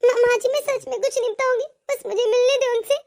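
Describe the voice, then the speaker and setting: A very high, thin voice belongs to a frightened young bride in a cartoon, voiced by a woman. She stammers and begs through her words, meek and tearful. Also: steady tone, fast, darkish tone. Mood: pleading. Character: young abused daughter-in-law, timid and pleading. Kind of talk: cartoon voice acting.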